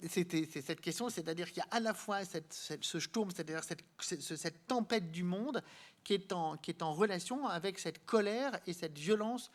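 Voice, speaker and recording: Man, art history lecturer, live lecture, halting, searching for words, explanatory. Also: sits high. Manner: explanatory, addressing the audience directly.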